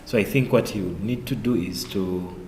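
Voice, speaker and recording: A man commenting on chess, explaining ideas in a calm, explanatory way. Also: on the low side, normal speed. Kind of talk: casual commentary chat. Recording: echoey hall with faint noise.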